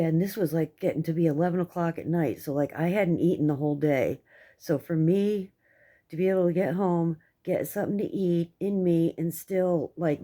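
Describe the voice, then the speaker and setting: A woman's voice: sits low, warm tone. A middle-aged American woman with toothless speech, giving a rambling, candid personal update in casual, coarse words. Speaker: vlogger.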